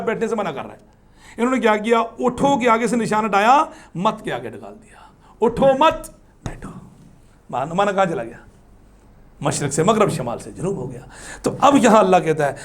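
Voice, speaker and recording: A man teaching a religious class, lively and emphatic, chanting scripture slowly between explanations. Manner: animated, rises high for emphasis, chants Arabic verses slowly; ends in soft, low supplication. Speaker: Islamic teacher.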